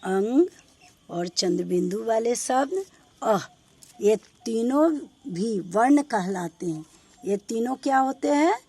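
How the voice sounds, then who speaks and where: A woman's voice: on the high side, expressive, slow, warm tone. A woman teaching a grammar lesson to children. She asks them questions and answers herself, repeating each point. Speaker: school teacher. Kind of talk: slow classroom Hindi grammar lesson.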